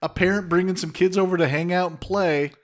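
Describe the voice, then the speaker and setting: A man's voice: high voice, steady tone, a little fast. A man co-hosting a podcast in a casual film discussion, laid-back and often laughing as he tells anecdotes. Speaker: podcast co-host.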